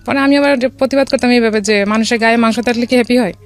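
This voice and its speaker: Racing along in a high-ish voice with fairly even intonation, a middle-aged guest with a Bangladeshi accent recounts her personal story on a radio interview. She talks conversationally, slipping in some English words, as music plays behind her.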